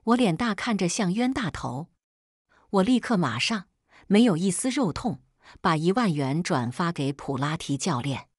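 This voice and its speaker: A woman's voice: fairly low pitch, sing-song, moderate pace, breathy edge, no room sound, clean studio sound. A woman reading a first-person family story aloud in a wry, sardonic way. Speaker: narrator.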